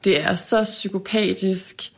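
A woman's voice: mid-range voice, husky. A woman speaking frankly and reflectively in a casual conversation, often ending phrases with a question tag. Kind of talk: casual chat.

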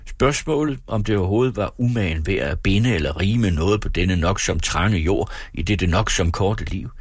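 A man with a low, slightly breathy voice reads an old essay aloud with theatrical flair. His delivery leaps up and drops down again. The sound is close and dry. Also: animated, no echo. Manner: theatrical, swings between high and low. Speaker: reader. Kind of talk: dramatic reading of an old essay.

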